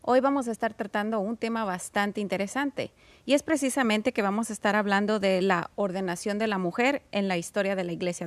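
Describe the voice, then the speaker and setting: Woman TV host, mid-pitched voice; formal, courteous, a little hesitant. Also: no room sound. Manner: formal, polite, with fillers. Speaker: TV program host. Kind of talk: interview hosting.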